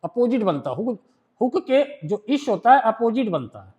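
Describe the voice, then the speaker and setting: A man's voice: very high-pitched, sing-song, darkish tone. A man with an Indian accent teaching a shorthand lesson, explaining rules step by step and often checking whether his students have understood. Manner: reads rules aloud in English slowly, then explains in Hindi. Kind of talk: classroom lesson.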